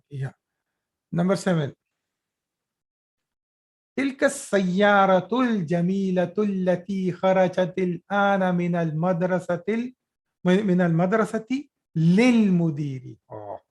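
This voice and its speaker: A man teaching a live online grammar class over a video call, patiently repeating each sentence slowly before explaining it. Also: sits high, darkish tone. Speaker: Arabic teacher.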